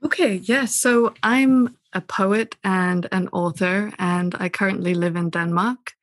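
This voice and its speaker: A woman from Southern Africa, a poet and author, answering interview questions in a thoughtful, gentle way. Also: medium pitch, steady tone, unhurried, no room sound. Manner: thoughtful, gentle, with many "sort of" hedges. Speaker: podcast guest, poet and author.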